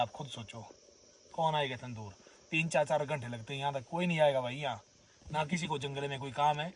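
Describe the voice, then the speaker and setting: A vlogger from Himachal Pradesh, India, speaks in a mid-range voice with a Himachali accent, recorded on a distant mic with slight background noise. Filming at a herders' camp in the forest, he narrates casually and chattily, calling his viewers friends and brothers.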